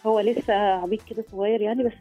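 A woman's voice: medium pitch, fairly even intonation, rapid-fire, soft background music. A woman with an Egyptian Arabic accent, a mother calling in to a radio show, friendly and a little hesitant. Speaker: caller, mother. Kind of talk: phone-in chat. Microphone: telephone. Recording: tinny phone line.

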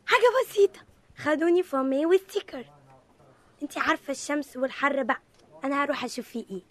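A woman plays a flustered, apologetic wife in an Egyptian sketch. Her voice is high and her pace quick. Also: animated.

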